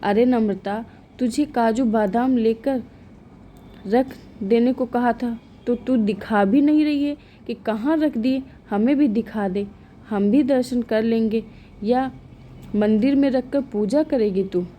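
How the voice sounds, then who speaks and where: A woman voicing a strict, sharp-tongued middle-aged mother-in-law in a storybook tale, scolding and raising her voice. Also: on the high side, slow pace, muffled recording, a little hiss or hum. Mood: upset.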